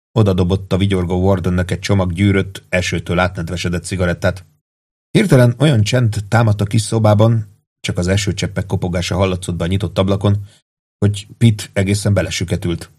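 A man reading a novel aloud as audiobook narrator, in steady, even storytelling. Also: low-pitched. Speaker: audiobook reader.

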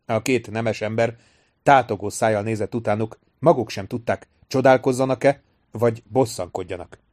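A man's voice: fairly low pitch, steady tone, a little mellow, no room sound, clean studio sound. Man reading an audiobook steadily. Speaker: audiobook narrator. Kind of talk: scripted narration.

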